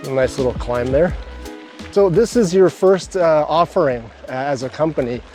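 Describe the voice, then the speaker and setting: A man's voice: fairly high pitch, moderate pace, mellow, soft background music. A man hosting an interview outdoors while riding a bike, upbeat and chatty. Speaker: host.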